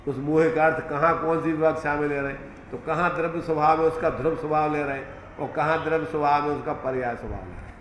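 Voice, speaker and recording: A man's voice: fairly high pitch, fairly even intonation, quick pace. Guy teaching scripture, patient, repeats terms, echoey room with faint hiss. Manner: patient, repeats key terms, folksy examples with chuckles. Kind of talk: explanatory scripture class.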